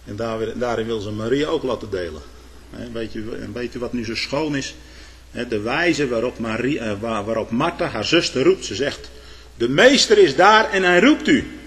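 A man's voice: mid-range voice, moderate pace. Male preacher, fervent sermon delivery with repeated words, long church reverb. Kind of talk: sermon and closing prayer.

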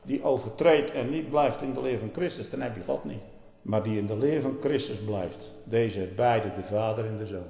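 A man preaching a fiery sermon, dropping to low murmurs and then bursting out loudly. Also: moderate pace, soft background music. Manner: fiery, swings from low murmurs to loud outbursts. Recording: echoey hall, reverberant.

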